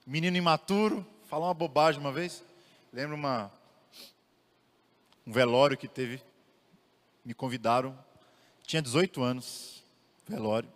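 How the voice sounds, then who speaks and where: A young Brazilian man teaching the Bible in a lively way, asking his listeners rhetorical questions. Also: fairly high pitch. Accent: Brazilian Portuguese. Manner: animated, asks the audience rhetorical questions. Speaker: theology teacher. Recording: long reverb of a large room.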